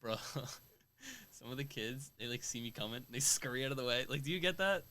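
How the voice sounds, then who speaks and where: A young man co-hosting a casual podcast chat, brash and quick to laugh. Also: mid-range voice, very animated. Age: young adult. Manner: brash, laughs often, talks loud and fast at times. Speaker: podcast co-host.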